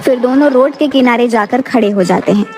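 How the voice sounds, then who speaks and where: A woman's voice: a little high, fairly quick, music in the background. A woman narrating a cartoon story in a plain storytelling manner.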